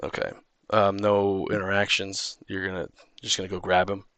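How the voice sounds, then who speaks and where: A man running a tabletop game as dungeon master, loose and halting, often laughing between calls. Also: sits low, monotone, fairly bright tone, no room sound.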